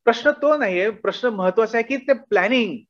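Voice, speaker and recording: A man's voice: extremely high pitch, fairly quick, highs cut off. A man giving a motivational talk to college students, asking them questions and acting out little dialogues. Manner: animated, acts out dialogues, asks audience questions. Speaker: guest speaker. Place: college auditorium.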